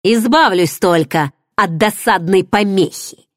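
A woman's voice: medium pitch, a little slow, no echo, clean studio sound, natural voice. A woman reading an audiobook voices an unhinged, violent man who hisses his threats. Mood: menacing. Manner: hissing, menacing.

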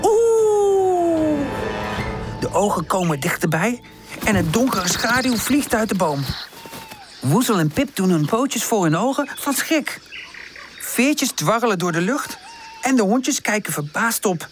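A woman narrating a children's audiobook in a lively voice that rises and falls with the story. Her storytelling stays expressive and warm-paced, and faint music plays behind. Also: medium pitch, a little slow.

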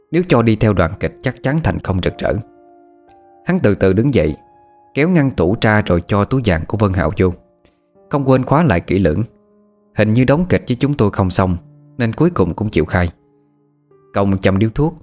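A man narrating a ghost story in a steady, first-person way. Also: on the low side. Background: faint background music.

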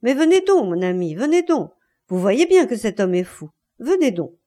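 Lady doing a taunting defiant wife from a storybook, cold, mellow voice. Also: on the high side, very animated, moderate pace. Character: defiant scornful unfaithful wife.

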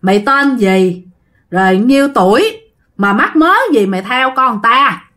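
A woman voicing a stern old man, a folk healer at a home temple, who scolds in a gruff way while telling a story. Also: mid-range voice, very animated, fairly quick, a bit bright. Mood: scolding.

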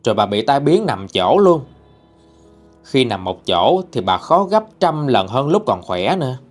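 A man's voice: mid-range voice, very animated, measured pace. A man with a Southern Vietnamese accent who narrates listener-sent ghost stories in a chatty, colloquial way. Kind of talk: spoken ghost story narration. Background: faint music.

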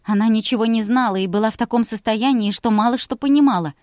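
Woman voicing a sarcastic stubborn young woman, a bit higher and pushier, dry close audiobook sound. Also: quick pace, darkish tone, dry recording, close to an everyday voice. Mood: agitated argumentative. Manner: sardonic, argumentative.

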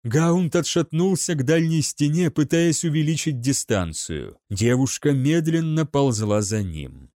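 Guy narrating an audiobook, warm voice, lots of pitch swing, dry sound. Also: animated, unhurried, hardly any pauses, no echo. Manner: dramatic storytelling. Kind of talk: scripted narration.

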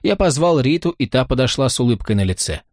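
A man narrating a first-person audiobook in a dry, ironic, measured way. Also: mid-range voice, lively intonation, a little mellow, dry recording.

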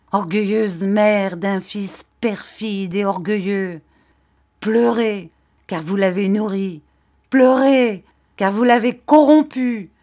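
In a dramatic audiobook of a classic novel, a female narrator plays a scarred, embittered woman consumed by vengeful passion. At medium pitch, she accuses and commands imperiously, driving home her bitter reproaches slowly and deliberately.

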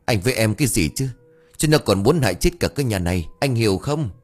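A man voicing a grieving, furious older village man who shouts curses and mocks bitterly. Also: fairly low pitch, expressive, fast talker, faint music behind. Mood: bitter mocking.

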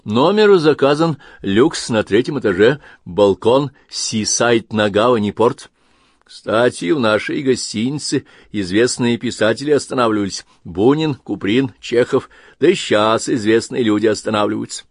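A man's voice: mid-range voice, normal speed, no echo, clean studio sound, natural voice. A man voicing a gushing, obsequious middle-aged hotel porter in an audiobook reading. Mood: fawning.

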